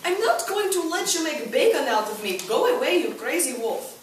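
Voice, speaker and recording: A woman's voice: high-pitched, sing-song, brisk, pitched above the performer's own voice. A woman voicing small young male pigs who talk back and plead, recorded from far off in an echoey church hall with noise behind. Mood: defiant.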